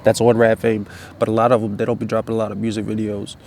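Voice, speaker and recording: A man's voice: on the low side, completely flat delivery, quick pace, gravelly, darkish tone, a little hiss or hum. A man chatting casually in a loose, laid-back stoner drawl, rambling with slang and swearing. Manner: slangy, swearing, repeats tag phrases. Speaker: independent music artist.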